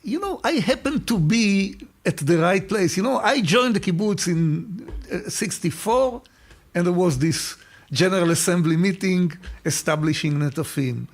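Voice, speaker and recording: A man's voice: high voice, expressive, unhurried. An older man with an Israeli accent, an interview guest telling stories and often repeating words while he searches for them. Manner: warm anecdotal storytelling. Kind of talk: casual interview.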